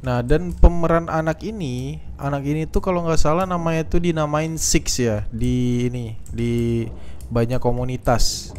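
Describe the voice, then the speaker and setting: A man's voice: a little high, unhurried, slight background noise. Laid-back young man chatting through gameplay. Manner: relaxed, chatty, thinking aloud with many fillers. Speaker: gaming YouTuber. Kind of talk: casual let's-play commentary.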